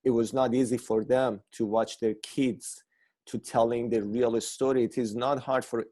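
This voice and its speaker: A man directing a theater project, speaking earnestly with halting phrasing in an online workshop over a video call. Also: medium pitch, steady tone, mellow.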